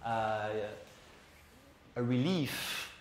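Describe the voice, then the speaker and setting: A man's voice: mid-range voice, animated, very slow. A man teaching an English class, explaining in a chatty way and putting questions to his students. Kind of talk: classroom lesson. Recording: roomy classroom echo, faint noise.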